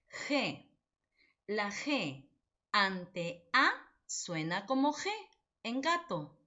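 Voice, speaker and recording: A woman's voice: medium pitch, fairly bright tone. A woman teacher giving a recorded phonology lecture, who keeps asking and answering her own questions and checks in often with her listeners. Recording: dull lo-fi recording.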